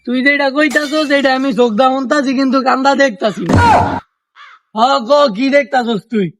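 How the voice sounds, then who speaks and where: A man's voice: extremely high pitch, moderate pace, heavy background noise. A man playing a confused, agreeable drunk sidekick in a comedy skit, with a Bangladeshi accent and rambling talk. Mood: befuddled. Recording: loud music over the voice.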